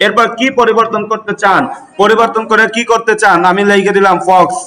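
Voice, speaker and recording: A high-pitched man leads a computer lesson. He asks the room a question, then answers it himself, step by step. His voice echoes around the classroom. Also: steady tone, fairly quick, sharp tone.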